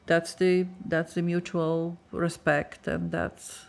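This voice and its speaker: This slow, halting woman is a librarian from Poland, a native Polish speaker, being interviewed for a documentary. Her lowish voice is completely flat in delivery as she reflects and searches for words.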